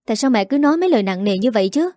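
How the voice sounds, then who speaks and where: Woman doing a gentle, worried young daughter. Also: a little high, expressive, very fast, no echo, clean studio sound, close to an everyday voice. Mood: pleading. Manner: gentle, pleading.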